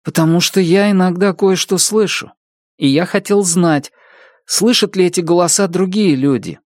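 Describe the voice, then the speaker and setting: A male narrator voicing an anxious teenage boy who pleads and then shouts as his distress grows. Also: high voice, normal speed, no echo, clean studio sound, voice pushed up, natural voice. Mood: insistent.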